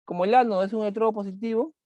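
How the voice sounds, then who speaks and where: A man's voice: high voice, steady tone, racing, mellow, dry recording, dull audio. A man teaching a chemistry class online, repeating key points and asking students questions as he goes.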